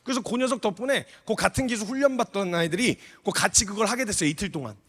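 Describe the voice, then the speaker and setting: A man's voice: high-pitched, fast, breathy edge. A man preaching a sermon as a missionary, telling a story with acted-out dialogue and asking the congregation questions. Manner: animated, acts out dialogue, questions the audience. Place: church hall. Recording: hall reverb from a church.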